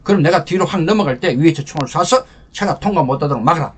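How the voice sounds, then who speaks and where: An older man with a husky, slightly higher voice tells a personal war story to teach leadership. His delivery is lively and emotional, rising with feeling and then dropping to a near hush. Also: fast. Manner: emotional storyteller, animated swings from loud to hushed. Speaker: lecturer and channel host.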